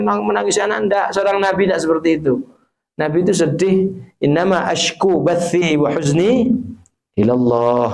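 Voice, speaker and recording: A high-pitched man with an East Javanese accent delivers a sermon to a live audience. He recites Arabic verses, slips into Javanese, and keeps throwing questions at his listeners. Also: creaky, rough recording. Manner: mixes Javanese phrases and Arabic quotations, asks the audience rhetorical questions. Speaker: preacher.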